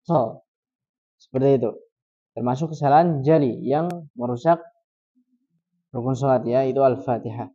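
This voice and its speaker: A man with an Indonesian accent teaching Quran recitation, explaining step by step and slowly demonstrating each recitation. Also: medium pitch, dark tone, highs cut off. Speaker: religious teacher.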